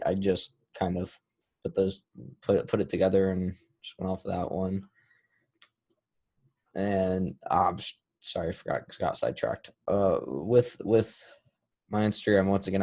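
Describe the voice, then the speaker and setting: A man hosting his own podcast, answering listener questions in a casual, halting, rambling way with frequent restarts. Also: sits low, a little mellow. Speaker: podcast host. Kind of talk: casual solo Q&A.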